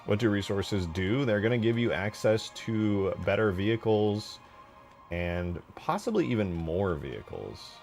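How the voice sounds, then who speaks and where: Over soft background music, a man with a lowish, creaky, darkish voice talks in a very animated yet unhurried way. He's streaming while building game mods, chatting casually with plenty of slang and swearing.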